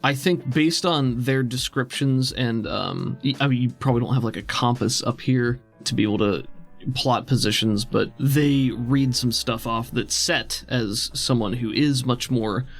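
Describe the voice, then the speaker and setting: A man with a mid-range, slightly slow voice narrates a tabletop role-playing game as game master, describing things in a loose, improvised, conversational way. Background music plays under his voice.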